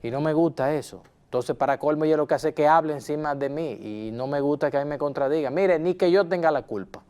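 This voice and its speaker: A man's voice: fairly high pitch, fast, a little mellow, clean tone, close to an everyday voice. A man playing a hot-tempered husband in a role-played counseling session, insistent and repeating himself as he talks to his counselor. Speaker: counseling client.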